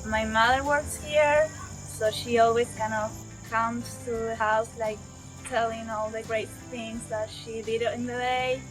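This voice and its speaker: Young woman from Chile, hesitant, slow, a little high. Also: fairly even intonation, over music, rough recording. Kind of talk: documentary interview.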